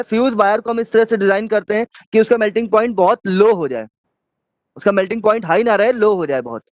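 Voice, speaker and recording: A high-pitched man teaching an online class, walking through each point and pausing with check-in questions. The sound is dry and a bit dull, like lo-fi online audio. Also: dry recording. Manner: explains step by step with frequent check-in questions.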